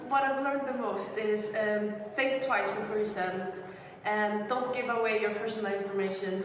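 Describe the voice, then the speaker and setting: Young woman, interviewee, earnest, higher voice, heavy echo and long reverb. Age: teens or young adult. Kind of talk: casual interview answers. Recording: very echoey room with noise.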